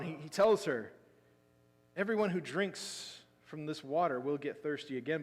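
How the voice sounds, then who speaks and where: A man preaching a sermon as pastor, telling the story with lively emphasis that drops into quiet asides. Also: medium pitch. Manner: animated storytelling, swinging between loud emphasis and quiet asides. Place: church sanctuary. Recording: long hall reverb.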